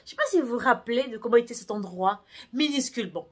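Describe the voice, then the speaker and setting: A woman's voice: a little high, lively intonation, quick pace, slightly rough. A middle-aged woman chatting casually and bubbly as a cooking vlogger, laughing often. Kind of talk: casual vlog chat.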